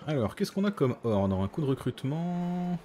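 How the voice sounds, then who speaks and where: A man's voice: fairly high pitch, sing-song, moderate pace, a crowd in the background. A man giving casual co-op strategy game commentary, muttering through menus as he thinks aloud. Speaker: gaming streamer.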